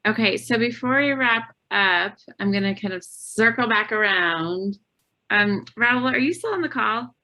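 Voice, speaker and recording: A woman's voice: mid-range voice, animated, unhurried, sharp tone, lo-fi sound. A woman facilitating a community video meeting, earnest and full of fillers. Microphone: video call.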